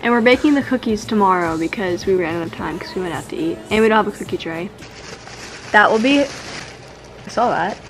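A woman's voice: medium pitch, quick pace, very noisy. A young woman chatting casually to her viewers in a vlog, bubbly and giggly. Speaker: vlogger. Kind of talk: casual chat. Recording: background music playing.

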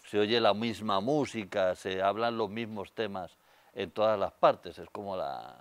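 A man's voice: on the low side, a little slow, no echo. An older man with a Spanish accent from Spain, a guest telling stories in a studio interview, on a lapel mic. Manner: storytelling, gestures with hands, many fillers. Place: TV studio set.

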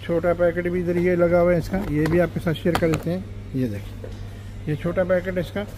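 Walking through a noisy supermarket, a man with a high, fairly even voice talks fairly quickly as he vlogs. He lists prices in a chatty way, politely adding "ji" and "janab".

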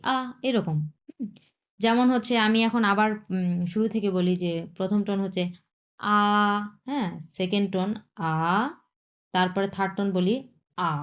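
A woman, teaching an online language class, patiently repeating points and checking that students follow. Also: mid-range voice.

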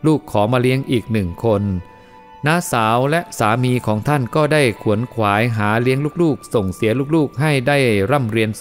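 A man reading a first-person moral story aloud as the storyteller, in a steady, measured way. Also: mid-range voice.

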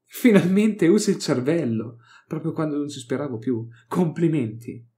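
A man's voice: fairly high pitch, moderate pace, darkish tone, pitched above the performer's own voice, close to an everyday voice. A man voicing a gleeful, scheming male scholar of alien lore, mocking and triumphant in a theatrical way.

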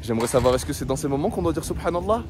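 A man's voice: fairly high pitch, lively intonation, rapid-fire. A man in his twenties chatting casually to camera outdoors as a vlogger, informally addressing viewers as mates. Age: 20s. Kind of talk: casual vlog chat to camera. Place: outdoors at a ski resort. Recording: faint outdoor background noise.

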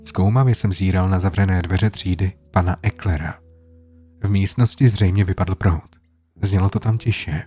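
A man narrating a horror story in a low, hushed storytelling manner, over soft guitar music. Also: fairly even intonation, slightly rough. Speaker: creepypasta narrator.

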